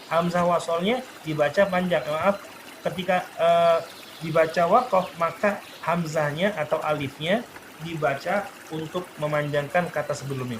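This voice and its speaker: A man teaching Quran recitation rules in a recorded lesson, explaining each rule and then slowly reciting example verses. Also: fairly high pitch, background noise.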